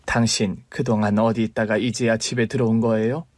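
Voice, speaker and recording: A man's voice: fairly low pitch, flat delivery, brisk, dry recording, close to an everyday voice. A man voicing a struggling young mother in a story radio drama, pleading and reproachful toward her husband.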